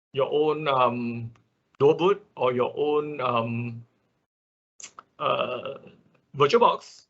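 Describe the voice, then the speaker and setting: Speaking at a medium pitch, this man teaches a software workshop without a script, haltingly moving step by step. He keeps confirming steps with short fillers like "okay" and "right," captured in dull, lo-fi online class audio.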